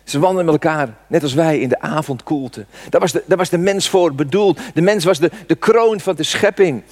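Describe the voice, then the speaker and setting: A man's voice: a little high, fairly quick, darkish tone. A man in his sixties preaching a sermon, telling a personal story with fervent rhetorical questions. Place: church. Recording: long church reverb.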